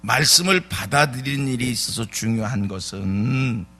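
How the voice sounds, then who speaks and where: A male pastor with a medium-pitched, bright voice preaches a dawn sermon in a church sanctuary at normal speed. His tone is forceful, and he hammers points home with repeated rhetorical questions and emphatic repetition.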